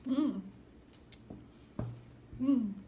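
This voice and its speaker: Slow woman talking with mouth full. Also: sits high, dull audio, slight background noise. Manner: slow, soft-spoken, murmuring between bites. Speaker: eating show host. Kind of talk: casual eating show commentary.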